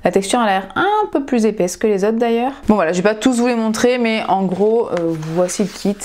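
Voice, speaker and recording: Young female vlogger, mid-pitched, casual and enthusiastic, product-review chatter. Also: lively intonation, fairly quick, darkish tone. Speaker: nail vlogger. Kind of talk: casual haul unboxing vlog.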